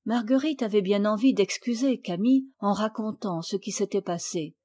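A woman narrating a children's classic as an audiobook, with a clear, expressive reading. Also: medium pitch, normal speed. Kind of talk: storybook reading.

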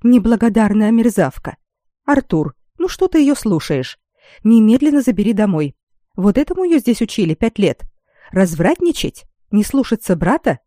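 A woman reader voicing a shrill, scolding older noblewoman who shrieks her insults. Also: expressive, moderate pace, warm tone, no room sound, studio quality, lightly acted.

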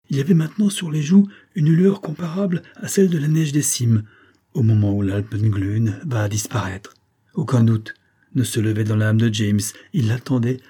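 Husky, low-voiced male narrator. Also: mellow. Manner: measured literary reading. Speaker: audiobook narrator. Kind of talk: scripted narration.

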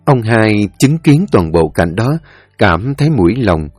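A man reading a story in a solemn, expressive way. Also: lowish voice, unhurried, breathy edge, dry recording, soft background music. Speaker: narrator. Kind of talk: scripted story narration.

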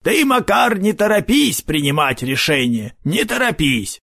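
Brief: a man playing a mocking storybook villain, high and gravelly, swinging wide in pitch. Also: sing-song, unhurried, a bit bright, no room sound, studio quality, full character voice. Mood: wheedling. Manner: mocking, wheedling. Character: sly sugary-voiced adult male gang leader. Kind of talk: audiobook character voice.

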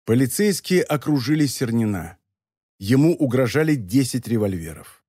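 A man narrates an adventure novel in a measured, expressive way, at a middling pitch. The recording is dry and close, with no room sound. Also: dry recording. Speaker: audiobook narrator. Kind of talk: scripted dramatic narration.

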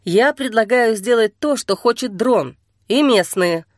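A woman reading an audiobook and voicing a calm young man who talks slowly and steadily to soothe a frightened girl. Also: a little high, dry recording, clean studio sound. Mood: coaxing. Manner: slow, steady, gently coaxing.

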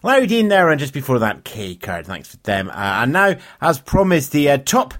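A man's voice: a little high, loud music behind the voice. A Scottish man hosting a festival podcast, bantering with guests and reading a review roundup in a studio. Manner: animated, quick to laugh and banter. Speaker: podcast host.

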